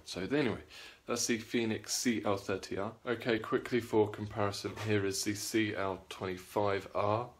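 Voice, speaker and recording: A man's voice: lowish voice, roomy sound. A man in his thirties casually reviewing a camping lantern, chatty and rambling with fillers and restarts. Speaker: cycling light reviewer. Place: small wooden shed, then a home room.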